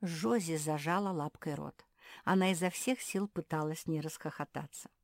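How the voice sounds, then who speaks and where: A woman narrating a children's book with measured, clear storytelling. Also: low voice, no echo, clean studio sound. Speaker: audiobook narrator.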